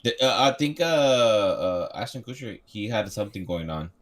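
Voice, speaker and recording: Male podcast co-host with a lowish voice; relaxed sidekick who chimes in with quick questions. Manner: laid-back, short interjections and questions. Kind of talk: casual chat.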